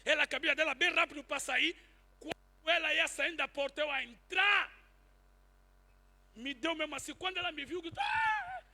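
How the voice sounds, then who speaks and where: A man preaching a sermon and telling a personal testimony, swinging from quiet asides to shouted peaks. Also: extremely high pitch, a little fast, pauses often. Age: adult, married since 2010.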